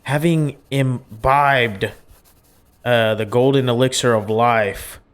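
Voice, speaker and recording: Reading a visual novel aloud, a young gaming video host adds slangy, casual reactions as he goes. His medium-pitched voice keeps a steady tone at a slow pace, and music plays in the background.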